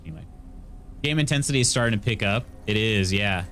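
With faint music behind him, this streamer speaks fast in a lowish, slightly bright voice full of lively intonation. He's a man in his thirties with an Indiana Midwestern accent, chatting casually about his game and reading chat indoors at home, close to an arm-mounted studio mic.

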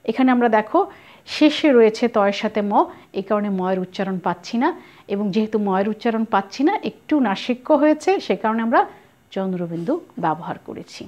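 A woman's voice: medium pitch, lively intonation, brisk, darkish tone. A woman teacher explains pronunciation rules patiently and puts questions to her students. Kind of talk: pronunciation lesson. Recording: lo-fi muffled recording.

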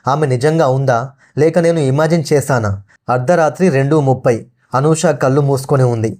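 A man narrating a scripted horror story in a steady, measured way. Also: mid-range voice.

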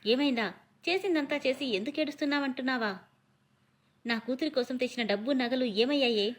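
A woman's voice: sits high, a little fast. A woman voicing a scheming middle-aged aunt who scolds and wails in a storybook reading. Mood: accusing. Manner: scolding, wailing.

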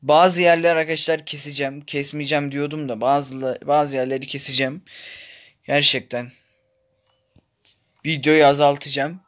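A man giving gameplay commentary, exasperated and complaining, swinging between tired muttering and loud outbursts. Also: on the high side, level tone, normal speed, long pauses. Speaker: gaming YouTuber.

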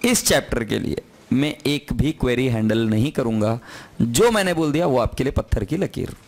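A man teaching accounting to a class, firm and teasing, switching between Hindi and English. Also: on the high side. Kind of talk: recorded classroom lecture.

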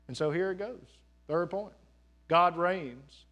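A man's voice: sits high, takes it slowly, fairly bright tone. A man pastor preaching a live sermon in a church, in an earnest, conversational way with folksy asides. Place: church sanctuary.

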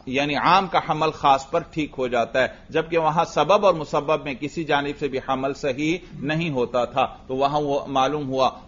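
A man's voice: medium pitch, a bit bright, highs cut off. A male teacher with a Pakistani Urdu accent, giving a classroom grammar lecture, explaining patiently and asking his class questions that he then answers himself.

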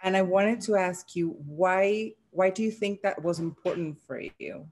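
A woman's voice: medium pitch, unhurried, a little mellow. A woman co-hosting a podcast on a video call, asking a guest questions in an encouraging way. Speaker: podcast co-host. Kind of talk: casual video-call conversation.

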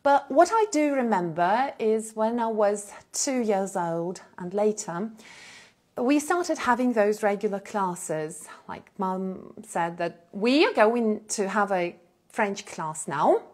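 Speaking slowly at medium pitch, a woman with Russian as her first language shares her personal story while hosting a live stream. She's casual and animated, gestures a lot, and uses many fillers and brief laughs; a small clip-on lapel mic picks her up in an indoor room with a plain blue backdrop.

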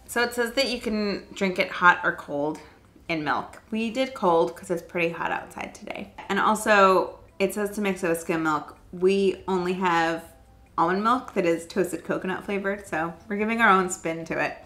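A woman's voice: on the low side, moderate pace, a bit bright. A woman co-hosting a snack taste-test video in easygoing, curious casual chat.

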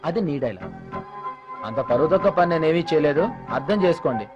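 A man's voice: on the high side, lively intonation, fast, dull audio, over music. A young man playing a cheeky film hero, mocking his family in comic dialogue.

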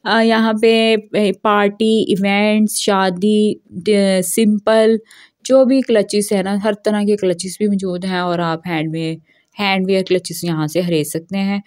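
A woman's voice: medium pitch, fairly even intonation, measured pace, a little mellow, no echo, clean studio sound. A young woman, chatting casually and joking as she walks through a shopping mall with her phone camera. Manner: chatty, jokey, laughs often between remarks. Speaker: shopping vlogger. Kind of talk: casual walk-through vlog. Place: indoor shopping mall, walking through aisles.

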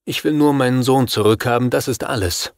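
Lightly acted and a little fast, a man's mid-range voice carries an audiobook passage in a clean, echo-free studio. The role is a desperate, pleading middle-aged father, anxious and agitated with worry over his son.

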